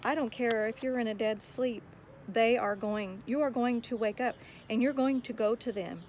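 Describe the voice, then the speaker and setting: A woman's voice: a little high, normal speed, darkish tone, a little hiss or hum. A woman giving earnest, exhorting advice on how to pray, often repeating words as she gathers her thoughts. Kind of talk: earnest spoken encouragement on prayer.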